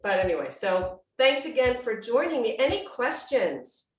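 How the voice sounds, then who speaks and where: A woman runs an online cooking class over a video call from her home, chatting casually and exclaiming a lot as she demonstrates. Her voice is on the high side and very animated, at a moderate pace. The sound is roomy, as if from a distant mic.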